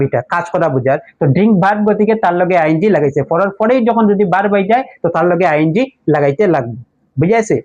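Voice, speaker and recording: A man's voice: sits high, darkish tone. Sylheti-accented male English tutor, raised voice, patient question-and-answer style, dull lo-fi recording. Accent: Sylheti Bengali. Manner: patient, poses questions and answers them himself, spells words letter by letter. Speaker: English teacher. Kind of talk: classroom-style lesson explanation.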